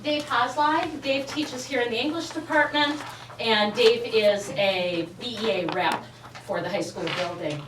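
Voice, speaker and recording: A woman who leads the teachers' union speaks enthusiastically at a school board meeting, presenting her colleagues one after another. Her voice is fairly high and unhurried, captured from a distance in an echoey, noisy room.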